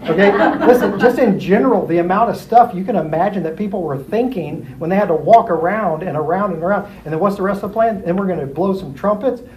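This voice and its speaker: A man teaching a Bible study class in a lively, animated way, acting out people's thoughts in put-on voices. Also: sits high, quick pace, hardly any pauses, crowd noise. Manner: lively, acts out characters in jumpy put-on voices. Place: church classroom. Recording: roomy echo, faint room noise.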